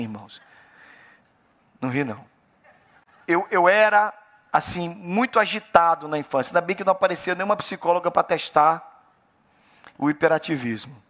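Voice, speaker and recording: High, bright-voiced Brazilian pastor preaching. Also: male voice. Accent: Brazilian Portuguese. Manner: preaching with rising, emphatic repetition; addresses the congregation directly with questions. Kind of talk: sermon. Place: church.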